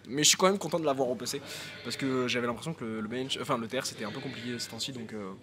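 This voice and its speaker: A man with a hoarse, worn-out voice chatting casually about his training session, with plenty of fillers and gym slang. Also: medium pitch, rapid-fire. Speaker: powerlifter filming a training vlog. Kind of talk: casual post-workout vlog chat. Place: busy indoor gym. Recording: loud crowd noise in a gym. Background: loud crowd cheering in the gym.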